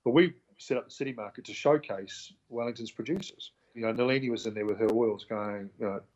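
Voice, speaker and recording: This interview guest, a man with a New Zealand accent, relates his story conversationally and with animation, performing the voices of people he quotes. His voice is mid-range and fairly quick, on a muffled recording.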